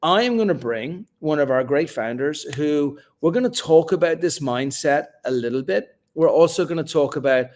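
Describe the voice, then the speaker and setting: A man moderating a live startup talk, speaking in an energetic, emphatic and casual way, with the odd swear word. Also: fairly high pitch, normal speed, few pauses. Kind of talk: motivational live talk to founders.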